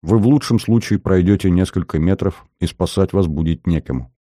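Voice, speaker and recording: A man voicing a calm young male lieutenant, level and commanding with a wry edge. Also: low voice, a little fast, no room sound, clean studio sound.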